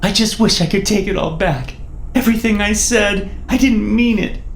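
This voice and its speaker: A man's voice: sits high, normal speed, reverberant, slight background noise, voice pushed up. Man doing a tearful pleading widow. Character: weeping grieving widow, desperate and hopeful.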